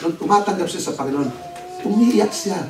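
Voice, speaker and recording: High-voiced pastor preaching in echoey hall. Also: male voice, a little fast. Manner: storytelling, animated, mixing English words. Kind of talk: sermon. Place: church hall. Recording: echoey hall, distant mic, noisy.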